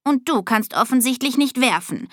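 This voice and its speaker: A woman's voice: fairly high pitch, expressive, moderate pace, pitched above the performer's own voice. A smug talking tomcat drawls his teasing remarks with unbothered sarcasm, as a woman reading the audiobook puts him on. The voice sits close to the mic in a dry, dead room with no reverb. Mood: sarcastic.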